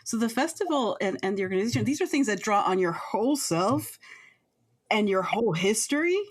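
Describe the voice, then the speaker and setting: A woman's voice: medium pitch, expressive, brisk. A woman hosting a podcast interview, reflective, giving frequent short affirmations as the guest talks. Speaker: podcast host, university teacher. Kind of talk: interview conversation.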